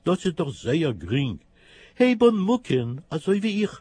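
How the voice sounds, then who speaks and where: A matter-of-fact cow talks slowly with a lilt and stretches out her moos. A man acts her out in a storybook tale. Husky and dry. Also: fairly high pitch, huge pitch swings, dark tone, no echo, pitched above the performer's own voice, full character voice. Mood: lowing. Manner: drawn-out mooing.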